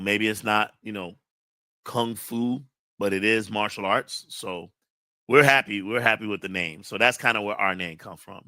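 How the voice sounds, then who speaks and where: Low-voiced man chatting casually. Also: no room sound. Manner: rambling, relaxed, many fillers. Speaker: host. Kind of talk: casual live-stream chat.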